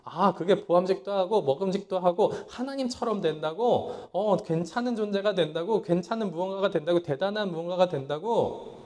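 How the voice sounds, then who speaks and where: A pastor speaks a little fast as he preaches in a small church hall, moving back and forth between loud pleading and quiet, hushed delivery. He dramatizes things he once thought by putting them in quotes.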